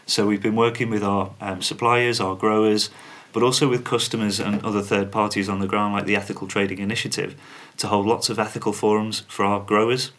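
A man speaking as a company spokesman on a podcast, giving measured, businesslike interview answers. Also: lowish voice, level tone, a bit bright. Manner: measured, corporate, uses fillers.

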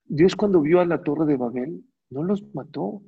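A Torah teacher with a voice on the high side, gravelly and breathy-edged, lectures expressively at a moderate pace. He throws rhetorical questions at his audience and repeats phrases for emphasis, though the recording is dull and slightly muffled.

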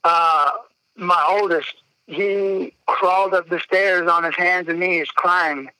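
A man's voice: high voice, steady tone, slow, pushed and bright, clear, resonant tone, no echo, poor audio. A man in his thirties hosting a podcast, telling a story in a casual, profane way. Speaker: podcast host.

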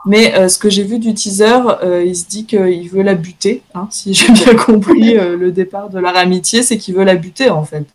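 A woman's voice: medium pitch, fairly even intonation, normal speed, few pauses. Chatty hesitant woman co-host. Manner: hesitant, many fillers, laughs often. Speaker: podcast co-host presenting series picks. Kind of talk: casual chat.

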